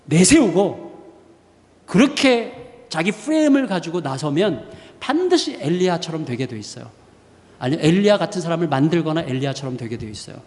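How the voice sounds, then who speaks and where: A man's voice: on the high side, in a large hall. A man in his forties preaching a sermon as a pastor, telling stories with acted-out quotes and humorous asides. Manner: storytelling with lively acted-out quotes; self-described short-tempered, humorous asides. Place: church sanctuary.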